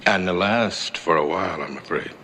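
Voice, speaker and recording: A calm male angel mentor with a low voice. He is grave, measured and gently firm, in TV-drama style with faint noise behind.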